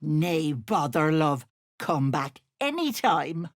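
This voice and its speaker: An actress playing a sinister old hag who poses as a kindly auntie in a video game, cooing mocking endearments in a theatrical way. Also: female voice, low voice, big pitch swings, slow, exaggerated voice. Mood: folksy, knowing. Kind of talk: video game character acting.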